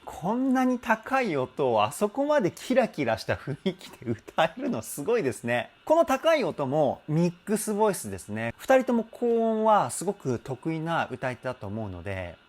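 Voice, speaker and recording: Very animated enthusiastic male vocal coach. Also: a little high, moderate pace, few pauses. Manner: enthusiastic, explanatory, breaks into sung demonstrations. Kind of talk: song analysis commentary. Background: faint song playing.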